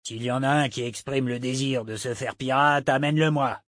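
A man's voice: mid-range voice, steady tone, a little fast, a bit bright, dry recording, studio quality, lightly acted. A man voicing a cheerful, sarcastic pirate captain who drawls his threats.

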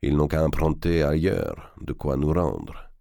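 An old, shrewd banker, as a man reads him, speaking slow and low, calm and weighing each word. The voice is deep and close, with a dry sound. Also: creaky, no echo, full character voice. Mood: measured. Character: old cunning male banker, tender with his nephew.

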